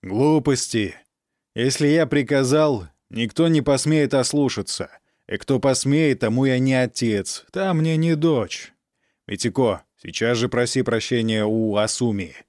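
A man's voice: mid-range voice, unhurried, no room sound, clean studio sound, natural voice. A man voicing a raging cruel count. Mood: stern. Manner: harsh, shouting, menacing.

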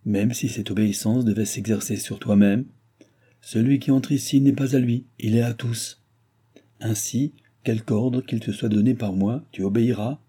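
Man playing a stern secret-society president, audiobook, husky, commanding, dark voice. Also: mid-range voice, fairly even intonation, normal speed, close to an everyday voice. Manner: commanding, solemn questioning. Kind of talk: audiobook reading.

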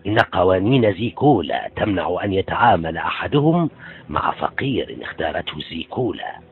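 A man's voice: deep voice, very animated, brisk, a little hiss or hum. A man reading a novel aloud, voicing a stern male laborer who insists coldly on the law. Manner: cold, insistent. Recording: tinny phone-like sound, faint music.

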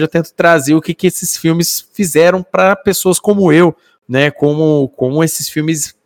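A man's voice: mid-range voice, dry recording, clean studio sound. A Brazilian man chatting casually as a podcast guest, talkative, often tagging on little questions. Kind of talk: casual chat.

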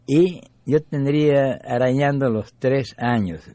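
A man in his nineties with an Argentine accent, telling family memories in an interview with pauses. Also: medium pitch, warm tone, no echo. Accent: Argentine Spanish. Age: 90s. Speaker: interviewee, folk musician. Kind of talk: storytelling memories.

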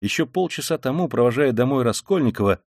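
A male narrator reads a classic novel in a measured, steady way. The recording is dry and close, with no room sound. His voice sits at an ordinary middle pitch. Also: no echo. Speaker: audiobook narrator.

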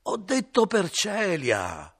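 A man voicing a wily middle-aged innkeeper who coaxes and hurries a guest in a low, husky voice. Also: sing-song, moderate pace, a bit bright, full character voice. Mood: curt. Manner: wheedling, soothing then curt.

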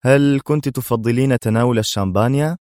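A man voicing a cool, sarcastic male secret agent who talks with calm, mocking ease. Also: mid-range voice, quick pace, dry recording, clean studio sound, voice pushed up, natural voice.

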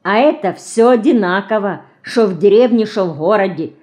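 A woman reading an audiobook, voicing an earnest village girl with Ukrainian-tinged rural speech who lectures slowly and solemnly. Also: mid-range voice, animated, darkish tone, natural voice. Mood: pleading. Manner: slow, solemn, folksy lecturing.

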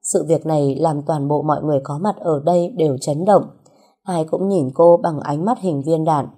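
Low, husky woman narrating a story. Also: steady tone, moderate pace, mellow. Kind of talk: scripted audiobook narration.

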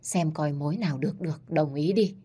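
A woman's voice: low-pitched, a little fast, dark tone, breathy edge. A woman voicing a fussy, doting old grandmother who teases and nags her granddaughter in an audiobook story. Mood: nagging. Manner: scolding, teasing, affectionate.

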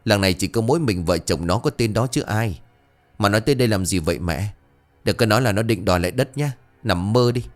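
A man's voice: lowish voice, animated, fast, faint music behind, close to an everyday voice. A man voicing a brash grown son who talks back defiantly and dismissively.

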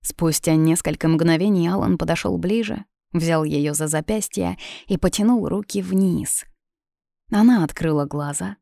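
A woman narrating an audiobook in a calm, even storytelling manner. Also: fairly low pitch, vocal fry, no echo, studio quality. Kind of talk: scripted narration.

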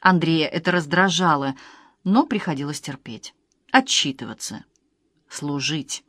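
A woman narrating an audiobook with expressive, ironic delivery. Her voice sits on the low side, and the recording is dry and close, with no room around it. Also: measured pace, no room sound. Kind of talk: scripted narration.

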